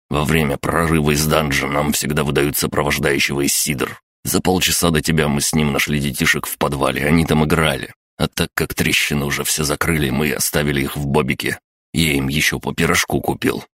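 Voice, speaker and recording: A man voicing a weary, stern middle-aged police sergeant who talks in curt, gruff phrases. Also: rumbling low, level tone, fairly quick, a bit bright, no room sound, studio quality. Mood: matter-of-fact.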